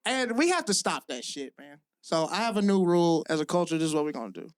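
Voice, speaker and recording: On a club stage, a man from the American South performs live stand-up, loose and profane, his voice climbing to shouts on the punchlines. He talks quickly in a sing-song voice that sits on the high side.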